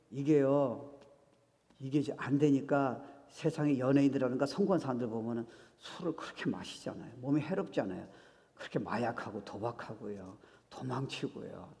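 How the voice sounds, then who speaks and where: A male pastor preaching a sermon, telling stories with acted-out dialogue and dropping English phrases into his talk. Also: mid-range voice. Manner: animated storytelling, acts out dialogue, mixes English phrases. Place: church sanctuary. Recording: reverberant church sanctuary.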